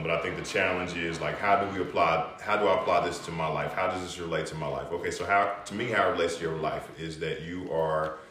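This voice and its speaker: A man's voice: extremely low pitch, a bit bright, reverberant, slight background noise. A man co-hosting a casual chat, rambling and filling his talk with "you know" and "like.". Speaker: podcast co-host.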